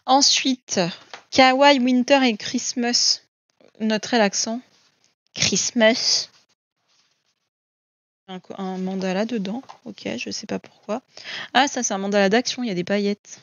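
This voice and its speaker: Brief: a chatty woman gushing over her books, mid-pitched voice, close dull home recording. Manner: chatty and gushing, frequent "euh" and repeats. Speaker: coloring book vlogger. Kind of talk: casual chat showing books.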